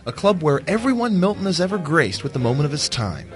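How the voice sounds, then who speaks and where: In a theatrical radio drama, a man plays a flippant, teasing business partner, delivering his lines in an arch, mocking, flowery manner. His voice is a little high and sing-song, and he talks fast over faint background music.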